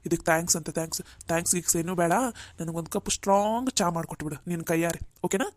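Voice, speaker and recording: A woman's voice: fairly low pitch, fairly even intonation, racing, slight background noise, lightly acted. Woman voicing a protective cartoon older brother. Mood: reassuring. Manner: firm, reassuring, repeats "all right?". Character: protective older brother, young man, firm and caring. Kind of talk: cartoon voice acting.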